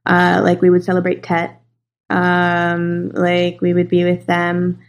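A woman's voice: fairly low pitch, completely flat delivery, takes it slowly. A young woman from Los Angeles, a guest in a casual interview, talking in a chatty way with many fillers and easy laughter.

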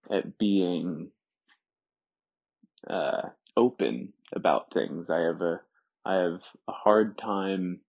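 A twenty-one-year-old man in an introspective solo monologue, talking hesitantly and softly with many pauses, alone in a room, on a dull lo-fi recording. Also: deep voice, gravelly. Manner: hesitant, soft-spoken, many pauses and fillers.

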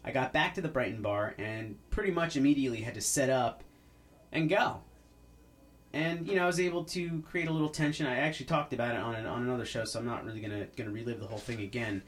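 A man talks alone on his podcast. He rambles in an easy, casual way, stumbling over his words and restarting often. His voice sits at an ordinary middle pitch. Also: fast talker. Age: 30s. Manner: rambling, with many restarts and fillers. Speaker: podcast host. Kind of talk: casual monologue.

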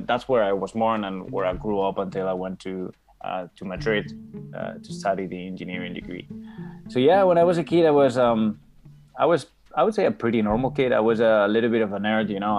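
A man in his thirties with a Spanish accent, talking as a podcast guest in a low, gravelly voice. He chats casually and restarts his sentences often, with music playing behind him. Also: steady tone, a little fast. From Spain. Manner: talkative, many restarts and fillers. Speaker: podcast guest, tech company co-founder. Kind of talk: casual interview talk.

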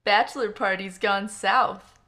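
A woman voicing a drunk young male coworker who shouts and slurs his words in an audiobook story. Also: mid-range voice, measured pace. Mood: drunk, rowdy. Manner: slurring, shouting.

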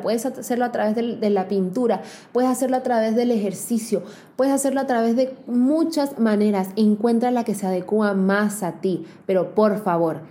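Earnest woman with a mellow voice. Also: medium pitch. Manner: earnest, slows down to stress key words; addresses the listener directly and warmly. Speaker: motivational speaker for women. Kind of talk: earnest motivational address to women.

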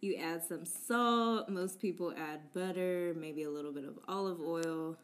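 A woman's voice: fairly low pitch, measured pace. A woman co-hosting a casual chat show, chatty and playful, often laughing and leaning on words for emphasis. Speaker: podcast co-host.

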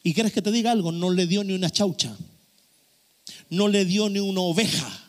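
A man preaching a sermon, repeating his key phrases with emphasis and rising to shouts. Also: high-pitched, normal speed. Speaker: pastor.

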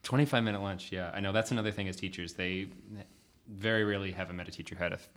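A man's voice: low voice, steady tone, rapid-fire, a bit bright. A man hosting a casual podcast chat, rambling and laughing often. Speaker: podcast host.

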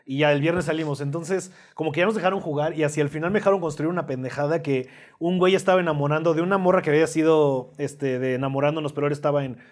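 Fast-talking, slangy Mexican man. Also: on the high side, a little mellow. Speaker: podcast co-host. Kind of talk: casual comedic chat.

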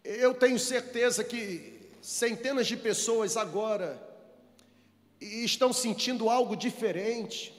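A man preaching a sermon at a church service, moving between soft pleading and fervent shouting. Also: extremely high pitch, takes it slowly, in a large hall. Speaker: pastor. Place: church service, streamed online.

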